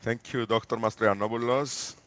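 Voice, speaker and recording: A man's voice: mid-range voice, fairly even intonation, normal speed, fairly bright tone, no room sound. A man moderating a webinar, hesitant with many fillers.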